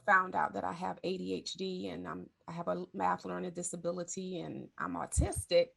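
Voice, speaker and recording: Flat in delivery and gravelly, this lowish female voice moves at a moderate pace. The speaker, a podcast host in her forties, chats candidly in casual conversation and corrects herself as she talks.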